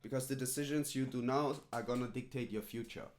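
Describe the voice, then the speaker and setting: This streamer is a man with a medium-pitched, fairly quick voice, casually chatting on a live stream while he coaches a viewer. He rambles, fills gaps constantly, and keeps repeating "right?" and "literally."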